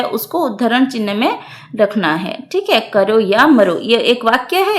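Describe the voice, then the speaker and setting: Brief: female teacher, Odia accent, high voice, patient step-by-step grammar explanations. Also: fairly bright tone. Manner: patient, checks in often with "ठीक है"; reads example sentences slowly. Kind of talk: explaining grammar homework answers.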